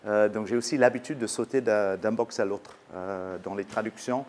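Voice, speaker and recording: A man's voice: on the low side, fairly even intonation, moderate pace, darkish tone. A man with an English accent, a native English speaker, giving a conference talk in French as a business school professor, hesitant with many fillers and restarts. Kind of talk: conference presentation.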